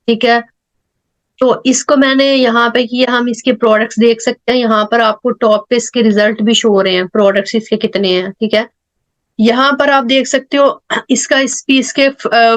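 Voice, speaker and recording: A woman walking viewers step by step through a screen tutorial on online selling. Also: on the high side. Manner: step-by-step, explaining what is on screen. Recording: dull lo-fi voice-over.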